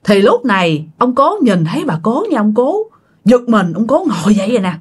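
A woman's voice: mid-range voice, big pitch swings, brisk, breathy edge. A woman telling a ghost story in a casual, chatty way, talking straight to her listeners. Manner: chatty, addresses listeners directly.

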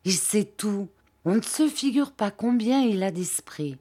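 A woman's voice: mid-range voice, moderate pace, darkish tone, lightly acted. Woman reading an earnest, gushing young boy. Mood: admiring. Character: earnest, admiring young schoolboy.

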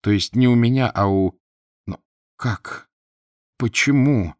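A man's voice: medium pitch, takes it slowly, darkish tone, smooth, dry recording, studio quality, lightly acted. A man voicing a frightened old woman scholar who speaks in a trembling, agitated way. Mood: stunned.

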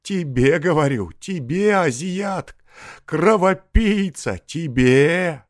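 Man voicing a frantic peasant, high shrill cries, wild swooping voice, dry close sound. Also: expressive, takes it slowly, no room sound. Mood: furious. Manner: shrill, cursing, wailing. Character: desperate ragged peasant man, furious and reckless.

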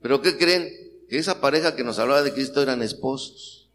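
Mexican preacher in an echoing hall. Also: male voice, mid-range voice, fairly quick, fairly bright tone. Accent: Mexican Spanish. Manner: rousing, asks the congregation questions. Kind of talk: sermon. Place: church hall. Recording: long hall reverb, faint noise.

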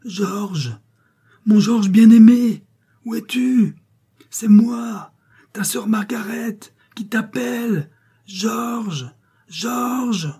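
A frantic young woman voiced by a male narrator calls out in a high, pleading cry, her voice lifted well above his own, with a dark, husky grain under it. It is an old-fashioned adventure audiobook told by one reader. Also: very slow, heavily acted. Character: young woman desperately calling her brother.

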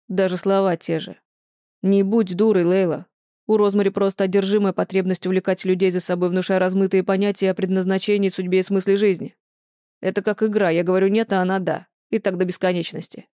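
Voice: mid-range voice, level tone, fairly quick, dark tone, no room sound, clean studio sound, lightly acted. An audiobook narrator voicing a stern, controlling young man in a romance story, curt and cold. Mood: angry.

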